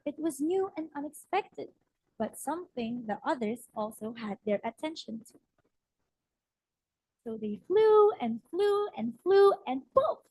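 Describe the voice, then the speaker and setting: A woman's voice: high-pitched, lively intonation, a little slow, mellow, dry recording, poor audio. A young woman, a practice teacher, narrating a short storybook-style presentation with a strained voice and frequent hesitant fillers. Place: ceremony hall.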